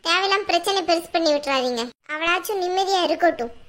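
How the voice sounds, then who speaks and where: A young wife in a family drama skit who pleads and defends herself against blame, played by a woman. Her voice is very high and bright, and her protests sound earnest and worried. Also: quick pace. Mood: pleading. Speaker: actor.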